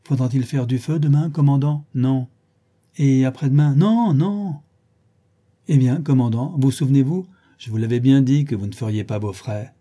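A man's voice: mid-range voice, fairly even intonation, moderate pace, warm tone, lightly acted. A man voicing a gossipy, scheming old female concierge in a raised, chattering voice.

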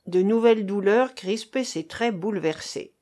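A woman reading a novel aloud as a scripted narration. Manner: slow, dramatic reading with lively pitch. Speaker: audiobook reader.

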